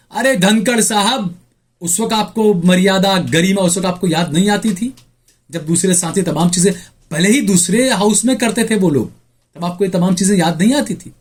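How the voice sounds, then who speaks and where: Brief: male political commentator, higher voice, biting sarcastic indignation. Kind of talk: opinion commentary.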